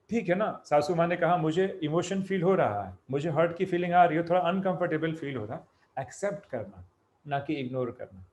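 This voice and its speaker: A man's voice: on the high side, a little mellow. Man explaining step by step. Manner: explains step by step, repeats terms with Hindi glosses; asks and answers his own questions. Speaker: spiritual teacher. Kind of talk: explanatory talk on psychology.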